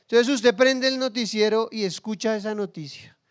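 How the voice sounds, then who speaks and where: A man's voice: high-pitched, moderate pace, smooth. A man preaching a sermon as pastor, humorous and acting out everyday scenes in little quoted voices.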